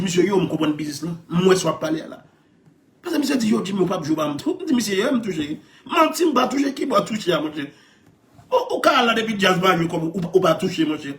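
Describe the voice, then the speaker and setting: A man with a Haitian Creole accent talks in a high voice that swoops up and down. He tells his stories excitedly, laughs often and keeps repeating his phrases. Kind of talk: animated storytelling chat.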